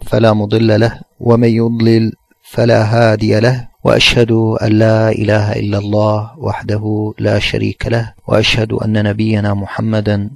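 A man teaching a formal lesson, reading a text and then explaining it in a measured way, slowing down on examples. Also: fairly low pitch, completely flat delivery, gravelly, a little mellow, dry recording. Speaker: teacher of Arabic morphology.

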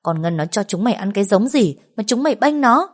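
A woman's voice: mid-range voice, expressive, brisk, voice pushed up, lightly acted. A woman voicing a furious, tearful young pregnant woman who shrieks hateful curses in an audio story. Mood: spitting curses.

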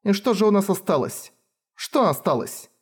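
A frightened young princess pleads in a raised, strained voice, caught between terror and grief, as a man puts her on while reading a novel aloud. The voice sits well above his usual pitch. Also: a little fast, lightly acted. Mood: despairing.

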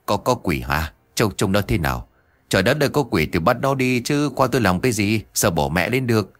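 A man's voice: low-pitched, expressive, moderate pace, a bit bright, no room sound, faint music behind. A man voicing a cowardly, henpecked old male exorcist who whines and complains in a storybook tale. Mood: bluster. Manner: whiny complaining.

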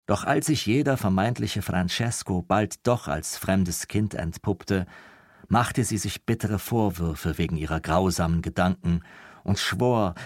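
Male audiobook narrator, very low voice, dry close recording, measured delivery. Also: darkish tone, dry recording.

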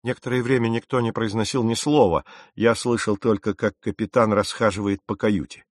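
A man narrating an audiobook in an even, expressive storytelling manner. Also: on the low side, fairly quick, no room sound, clean studio sound. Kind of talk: scripted narration.

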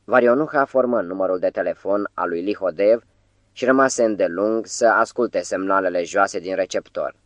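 Low-voiced man narrating an audiobook. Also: no echo, dull audio.

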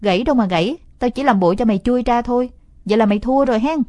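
A woman voicing a bossy, quick-tempered young boy who talks loud and cocky, in a storybook reading. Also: medium pitch, fairly even intonation, close to an everyday voice.

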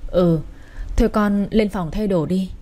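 A woman's voice: medium pitch, a little slow, dark tone, lightly acted. Storybook: caring older mother-in-law, fretful, read by a woman. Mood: concerned. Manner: fussing and concerned.

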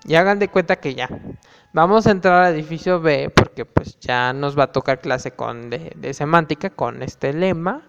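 A man's voice: fairly high pitch, moderate pace, gravelly. A young man tells gossipy stories about his classes, casual and full of fillers. The recording sounds dull and lo-fi, with a long reverb and faint music in the background. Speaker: student vlogger. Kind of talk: casual storytelling.

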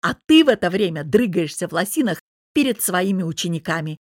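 A woman's voice: lowish voice, fairly even intonation, moderate pace, dry recording, clean studio sound, close to an everyday voice. A woman voicing an angry, domineering, jealous young businessman husband who growls and barks his words. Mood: angry shouting. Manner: growling, barking, hissing through teeth.

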